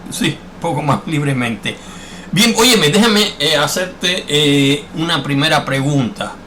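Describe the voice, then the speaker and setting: A man hosting a radio interview in a friendly, talkative way, often filling his sentences with small hesitations. His voice sounds bright and forceful. Faint noise sits under his speech. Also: on the high side, animated, a little slow. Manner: friendly, chatty, lots of fillers. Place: Miami.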